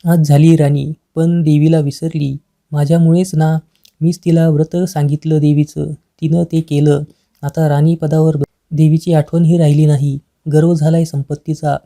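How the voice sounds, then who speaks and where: A woman voicing a poor old beggar woman, a disguised goddess, speaking slowly with coughs. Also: low-pitched, dark tone. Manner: slow, coughing, pleading.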